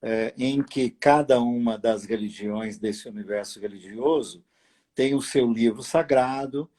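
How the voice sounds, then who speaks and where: A man hosting a late-night live video chat from his apartment, speaking slowly and deliberately with long pauses and fillers. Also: mid-range voice, mellow. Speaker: host. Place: apartment at home.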